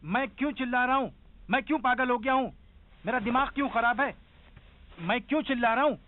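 A man's voice: high voice, unhurried. A man playing a tired, short-tempered grown son arguing with his mother in a dubbed TV drama. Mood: angry. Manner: tired, then explosive. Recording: tinny phone-like sound.

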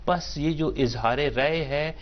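Male scholar guest, steady lecturing delivery, builds his case with examples, somewhat muffled audio. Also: fairly high pitch. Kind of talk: explanatory talk on a studio show.

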